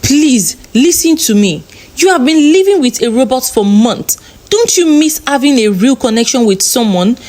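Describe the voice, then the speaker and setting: A concerned young woman from a spoken storybook earnestly urges her ex-boyfriend to listen, voiced by a woman narrator. Her voice is fairly high and moves in a lively way. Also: normal speed. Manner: earnest, urging.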